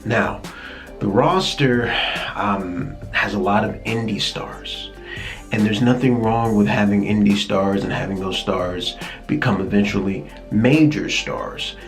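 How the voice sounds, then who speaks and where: A man's voice: on the low side, unhurried, soft background music. Fired-up man hosting a wrestling show. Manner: energetic, excitable, repeats words when fired up. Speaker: host. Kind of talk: casual wrestling commentary.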